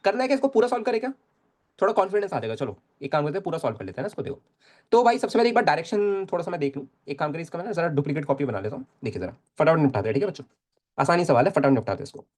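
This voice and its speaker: A man's voice: a little high, big pitch swings, very fast, darkish tone. Young male physics tutor; casual, repetitive, coaxing delivery. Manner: casual, chatty, repeats phrases, coaxes students. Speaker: physics teacher. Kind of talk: live online lecture.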